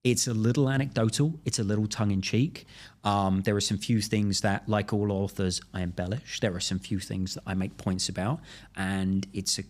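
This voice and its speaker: A man with a London accent, a guest in a podcast interview who tells stories in an animated way. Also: fairly low pitch, moderate pace. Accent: London English. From London, England. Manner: animated storyteller, acts out quoted voices. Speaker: guest, crypto lawyer.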